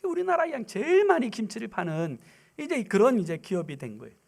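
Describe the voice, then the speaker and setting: A male guest pastor preaching a Sunday sermon in a church, telling stories emphatically and swinging between loud declarations and hushed near-whispers in a rhythmic, repetitive cadence. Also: high-pitched, big pitch swings, a little fast, gravelly. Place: church sanctuary.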